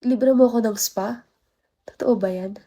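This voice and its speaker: A woman's voice: on the high side, a little slow, mellow. A nineteen-year-old woman from the Philippines chatting on a livestream while tired and sick with a cold, greeting viewers and thanking them one by one. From Philippines, from Baguio. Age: 19, late teens. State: has a cold, tired and achy. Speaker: livestreamer, college student.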